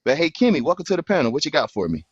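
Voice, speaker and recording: A man's voice: on the high side, very animated, very fast, slightly rough, no room sound. A young man hosting a livestream panel, talking casually and argumentatively, full of slang and "bro". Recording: dull lo-fi stream audio.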